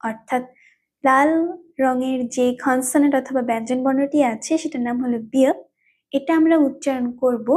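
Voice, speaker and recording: A woman's voice: high voice, mellow. A woman teaching a language lesson, patiently explaining rules and repeating each term several times. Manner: repetitive.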